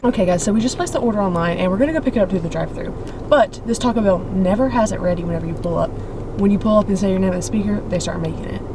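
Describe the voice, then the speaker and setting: A young woman vlogger telling high school drama in a chatty, dramatic, sarcastic way while eating. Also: racing, roomy sound, noisy background. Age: young adult. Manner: chatty, dramatic, holds grudges, sarcastic asides. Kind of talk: casual storytime while eating. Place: car, then indoors at a table.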